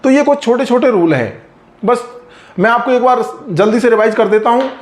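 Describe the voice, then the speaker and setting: A man teaching an English grammar lesson, patiently explaining rules and slowly repeating example words. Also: very high-pitched, animated.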